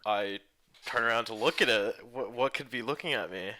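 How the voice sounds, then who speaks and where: A man's voice: medium pitch, fairly quick, pushed and bright, slight background noise. A young man playing a tabletop game, casual, swearing often and laughing. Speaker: player.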